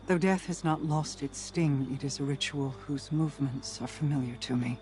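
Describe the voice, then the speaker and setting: An actress playing an ancient, regal woman in a video game, solemn, formal and sorrowful in measured phrases. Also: low-pitched, darkish tone, soft background music, close to an everyday voice. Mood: solemn grief. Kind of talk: dramatic video game acting.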